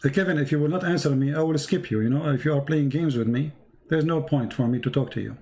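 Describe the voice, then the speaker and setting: High-voiced man pressing a caller. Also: fast, warm tone. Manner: pressing, repeats questions, addresses caller by name. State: losing his voice. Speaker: debate host. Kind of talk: live debate, reading verses to a caller.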